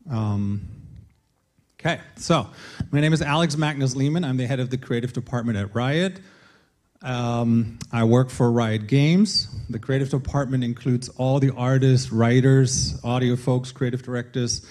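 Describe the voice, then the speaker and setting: Presenting at a conference, a middle-aged man from northern Germany who works as a games creative director shares his personal story with the audience. His German-accented voice is medium in pitch and a little mellow, earnest yet lightly self-deprecating.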